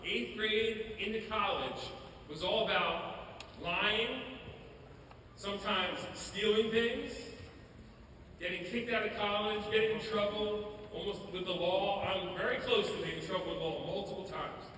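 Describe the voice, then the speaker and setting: A man giving a school assembly talk as a motivational speaker, telling stories in an animated way in a school auditorium. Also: high-pitched, a little slow. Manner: storytelling, animated. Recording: echoey hall from far off, background noise.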